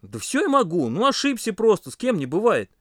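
Man putting on a high, squawking voice for a greedy clumsy boy camper, lively storybook role. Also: moderate pace, no echo, clean studio sound. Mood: irritated. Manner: high excited exclaiming.

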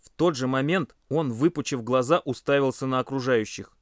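A man reading a children's story aloud with expressive narration. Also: mid-range voice, moderate pace, dry recording, clean studio sound.

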